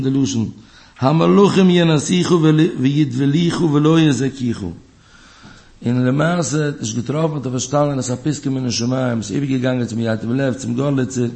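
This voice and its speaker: A man's voice: vocal fry, a little mellow. Emphatic man giving a religious talk. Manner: emphatic, repeats key words, pitch rises and drops sharply. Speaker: religious teacher. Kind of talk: spoken Torah talk.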